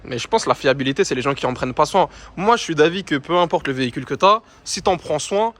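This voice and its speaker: A man's voice: on the high side, lively intonation, quick pace, a bit bright. A young man bantering casually in street slang with a friend. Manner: French suburban street slang. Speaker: friend filming behind the camera. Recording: ambient background noise.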